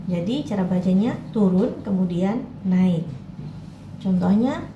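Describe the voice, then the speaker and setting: A woman teaching a Mandarin lesson, patiently modeling each tone slowly and clearly for learners. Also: mid-range voice, lively intonation, highs cut off. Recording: echoey room, faint background noise.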